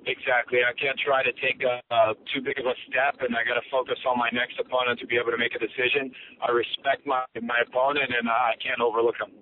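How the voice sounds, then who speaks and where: A man's voice: medium pitch, little pitch movement, fast, hardly any pauses. A man working as an interpreter on a telephone press conference call, over a noisy line. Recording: noisy, tinny phone line.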